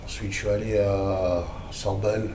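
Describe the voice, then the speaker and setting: Man, from the Democratic Republic of the Congo, emphatic, slangy, low dark voice, echoey room, faint noise. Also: level tone, measured pace. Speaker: interview guest, activist. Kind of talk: casual conversational interview.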